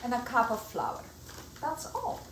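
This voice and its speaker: A woman's voice: on the high side, big pitch swings, unhurried, fairly bright tone, echoey room, slight background noise, poor audio. A middle-aged woman from Poland with a Polish accent, hosting a home cooking show and chatting through each step as she works in her kitchen. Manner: chatty, explains each step while working.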